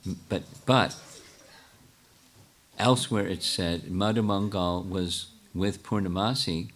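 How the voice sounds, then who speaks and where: An older man, a spiritual teacher, answering questions in a lecture with a halting, thinking-aloud manner full of restarts. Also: low voice, fairly bright tone.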